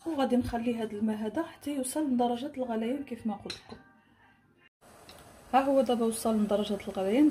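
A home cook with a Moroccan accent narrates a casual recipe tutorial, explaining each instruction and then rephrasing it. Her voice is on the high side with a darkish tone, over slight background noise.

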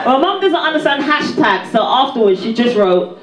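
On a small club stage, a young Barbadian woman with a British accent does her stand-up set into a handheld mic, teasing the audience with punchy delivery. Her high voice swings widely in pitch at a moderate pace. Heavy background noise and loud laughter fill the roomy club recording, which sounds distant and dull.

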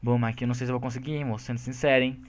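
A man co-hosting a gaming video, chatting casually and excitably with his partner while they build. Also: medium pitch, rapid-fire. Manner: excitable, pleading and laughing. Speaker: gaming channel co-host. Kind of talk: casual gameplay banter.

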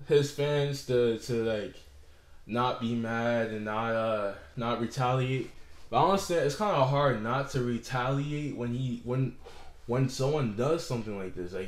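A man's voice: medium pitch, darkish tone. Heated young man ranting in an echoey room. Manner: heated, profane, repeating himself. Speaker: vlogger. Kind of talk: angry rant to camera.

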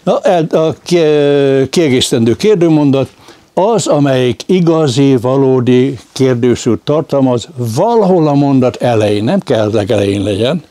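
Male lecturer, mid pitch, acts out sample questions, dry sound. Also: lively intonation, dark tone, no room sound. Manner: demonstrates question intonation with sample sentences. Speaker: lecturer on Hungarian speech.

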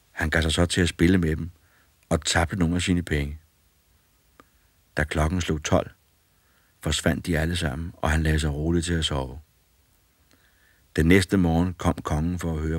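A man narrating a fairy tale audiobook in a calm, measured storytelling manner. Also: rumbling low, no room sound.

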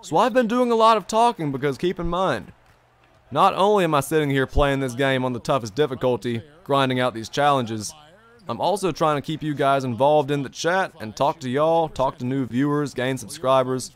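A young man with a mid-range voice speaks at normal speed while live-streaming a basketball video game from his bedroom gaming setup. Upbeat and chatty, he reads his chat and repeats his own phrases. His voice shows a little strain from long streaming.

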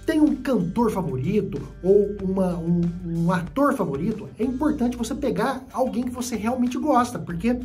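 A woman's voice: medium pitch, lively intonation, moderate pace, hardly any pauses, warm tone, soft background music. A Brazilian woman teaching English whose first language is Portuguese, explaining at length with many repetitions and restarts. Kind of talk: online English lesson.

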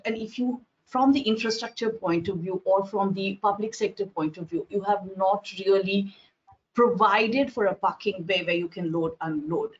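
A middle-aged woman, explaining by example as a panelist on a video call, hesitant and deliberate. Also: medium pitch. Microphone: earphones on video call. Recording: dull video-call audio.

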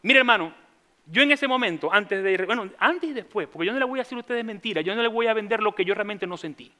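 Bright-voiced Venezuelan preacher, animated. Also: male voice, high-pitched, fast. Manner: animated storytelling, acting out quoted voices with humor. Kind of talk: sermon.

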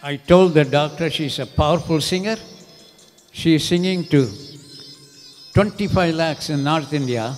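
Joking older pastor in a reverberant hall. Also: male voice, fairly high pitch, a little slow, pauses often. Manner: joking, chatty. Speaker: senior pastor introducing the preacher. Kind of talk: church announcement. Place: large church stage. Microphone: handheld mic. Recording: reverberant church hall with soft music.

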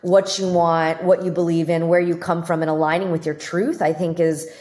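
A woman's voice: lowish voice, level tone, normal speed, darkish tone. A woman doctor as a podcast guest, talking reflectively in a casual conversation with frequent fillers. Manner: reflective, talks with many fillers and "like".

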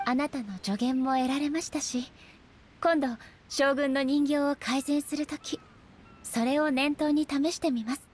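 The high-voiced, stately Raiden Shogun. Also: female voice, steady tone, slight background noise. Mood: earnest, thoughtful. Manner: formal, stately, measured. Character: regal, solemn female shogun, a swordswoman devoted to eternity. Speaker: voice actor. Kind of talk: Japanese anime-style game character voice lines.

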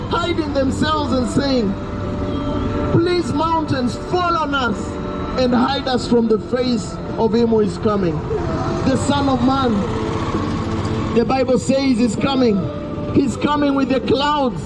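Loud urgent street preacher, high-pitched. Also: male voice, slow pace, over loud music, low-quality recording. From Kenya. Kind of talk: open-air street sermon. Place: roadside outdoors by a busy street. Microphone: handheld mic through a portable speaker, camera at a distance. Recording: street traffic noise, open air.

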